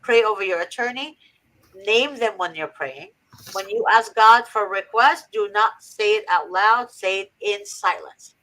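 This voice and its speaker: A woman's voice: mid-range voice, a little slow, pushed and bright, rough recording. A woman from Egypt hosting a faith-based advice talk, earnest and preachy with emphatic repetition. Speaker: host.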